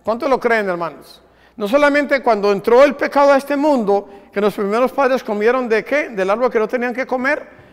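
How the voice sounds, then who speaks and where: High-voiced preacher in a reverberant hall. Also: male voice, fairly quick, smooth. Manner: asks the congregation questions and answers them. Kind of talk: sermon. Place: church hall. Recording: long reverb of a church hall.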